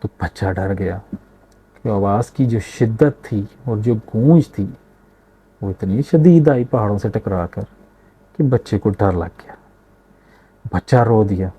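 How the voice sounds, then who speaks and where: A man's voice: on the low side, animated, measured pace, long pauses, mellow, slightly rough. A man telling a moral story, speaking directly and unhurriedly to his listeners.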